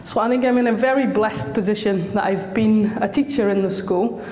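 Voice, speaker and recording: A Scottish school counsellor gives a friendly, chatty talk to parents despite a slightly sore throat. Her mid-range voice is a little mellow and moderately paced, and the hall recording is echoey.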